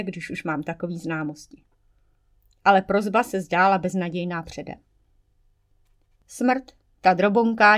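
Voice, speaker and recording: A woman reading an audiobook aloud, a wry, expressive first-person narration as a male storyteller. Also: mid-range voice. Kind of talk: scripted narration.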